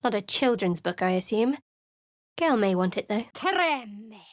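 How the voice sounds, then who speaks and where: A woman's voice: mid-range voice, lively intonation, measured pace, dry recording, studio quality, lightly acted. A woman voicing Shadowheart, a wry guarded cleric. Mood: dry. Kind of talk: video game character voice lines. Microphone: close studio mic.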